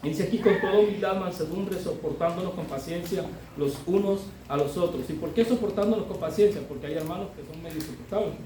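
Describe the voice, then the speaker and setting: A middle-aged preacher with a high, mellow voice delivers a fast sermon with few pauses, chatting with his congregation and repeatedly tacking on questions for their agreement. He builds to loud, emphatic exhortation, captured from a distance in a very echoey church hall with faint room noise.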